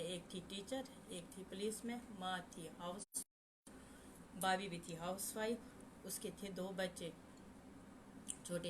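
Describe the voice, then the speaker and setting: Kashmiri-born woman guest, halting testimony with restarts, noisy live-stream sound. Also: on the low side. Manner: repeats and restarts phrases. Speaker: guest recounting a massacre.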